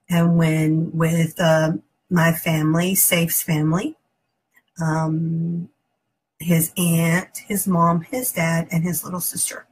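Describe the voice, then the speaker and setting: A woman's voice: fairly low pitch, slightly rough, poor audio. A woman teacher giving an earnest, emotional personal testimony, hesitant at times.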